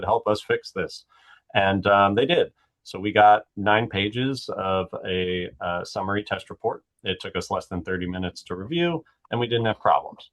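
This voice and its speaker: Male presenter, low register, loose delivery with restarts, video-call audio. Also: fairly bright tone, low-quality recording. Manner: informal, many fillers and restarts. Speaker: regulatory reviewer presenting at a training. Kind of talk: online presentation. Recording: garbled robotic call audio.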